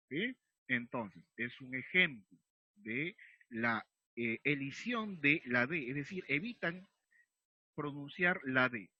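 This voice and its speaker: A male secondary school teacher from Peru patiently explains a recorded remote lesson, checking in with his students after almost every sentence. His voice is on the high side and husky, with no echo and the highs cut off.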